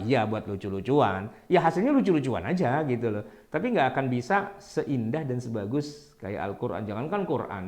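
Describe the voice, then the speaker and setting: Male Islamic teacher, animated pitch, jokey and colloquial, video-call audio. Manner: jokey, laughing often, colloquial. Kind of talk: casual online lecture.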